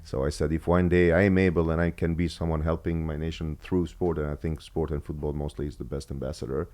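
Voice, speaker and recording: A man with an Albanian accent, a former footballer from Kosovo, talking as a guest in a casual interview, halting with many fillers and restarts. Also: very deep voice, level tone, darkish tone.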